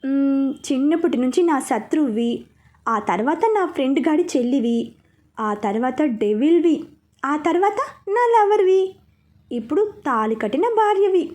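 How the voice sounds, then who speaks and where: A woman's voice: sits high, expressive, unhurried, a little mellow. A woman voicing a young man who is a playful, bossy husband. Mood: teasing.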